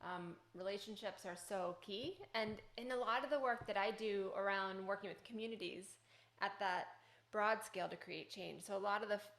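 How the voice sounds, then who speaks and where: A woman's voice: medium pitch, moderate pace, a bit bright, roomy sound. A woman hosting a podcast, asking questions in an encouraging, engaged way. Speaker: podcast host. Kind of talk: podcast interview.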